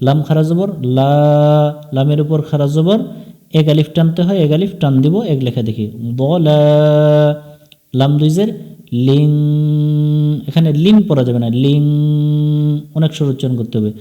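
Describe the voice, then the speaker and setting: A man with a Bangladeshi Bengali accent teaches Quran recitation, spelling out letters and vowel marks before chanting each verse slowly. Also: fairly high pitch, dark tone. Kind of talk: slow step-by-step recitation lesson.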